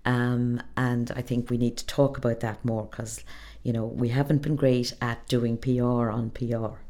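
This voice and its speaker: A middle-aged woman with a west of Ireland accent giving thoughtful, conversational interview answers, pausing to find her phrasing. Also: a bass voice, flat delivery, warm tone. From Galway, west of Ireland. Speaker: interview guest, public relations professional.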